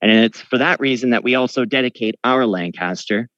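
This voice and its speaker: A man leads a guided tour, telling a wartime story in an earnest, solemn way. His voice sits at a middling pitch for a man. The recording is dry and a little dull and lo-fi. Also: fairly quick, a bit bright, no echo.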